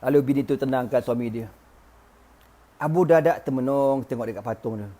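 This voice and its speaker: A male preacher who tells a religious story in a joking, lively way, moving between recited Arabic and casual slang. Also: mid-range voice, fairly quick. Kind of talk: humorous storytelling sermon.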